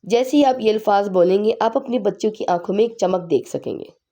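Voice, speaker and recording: A woman with a slightly hoarse voice from a sore throat, calmly explaining parenting advice point by point in a home vlog. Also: mid-range voice. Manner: calm, explanatory advice-giving, pausing on numbered points. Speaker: parenting vlogger.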